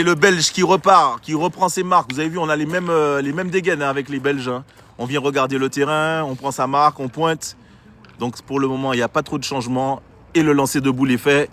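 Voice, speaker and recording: A man's voice: a little high, a bit bright. A man giving chatty live commentary on a pétanque game outdoors, talking straight to his viewers. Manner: chatty, addresses viewers directly. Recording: faint street noise outdoors.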